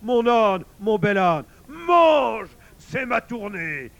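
Guy putting on a loud rough mocking werewolf, a bit higher than his own voice, lo-fi sound. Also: lively intonation, takes it slowly. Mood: boisterous, mocking. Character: sly boastful male werewolf, hungry and mocking. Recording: dull lo-fi recording.

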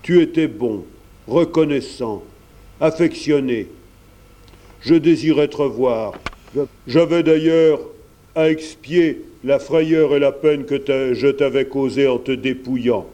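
A man reading aloud and voicing a kind, reassuring gentleman painter who helps the young men. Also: medium pitch, takes it slowly, close to an everyday voice. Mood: kindly. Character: kindly older gentleman painter, warm benefactor.

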